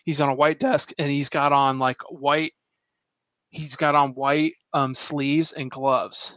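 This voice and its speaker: A man with a fairly high voice chats on a podcast, drifting between thoughts and laughing as he goes. His voice sits close and dry on the mic, with no room sound at all. He tends to trail off and restart his sentences. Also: fairly even intonation, slow, a bit bright, no echo. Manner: rambling, laughs often, trails off mid-thought. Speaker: podcast co-host. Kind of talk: casual podcast chat.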